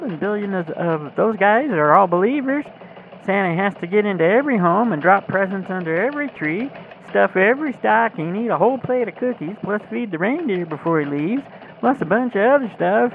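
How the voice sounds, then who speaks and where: An earnest, excitable Christmas elf sky reporter played by an actor explains things emphatically in a mid-pitched voice. It comes through a thin, phone-like radio link with engine noise behind, as a scripted holiday field report.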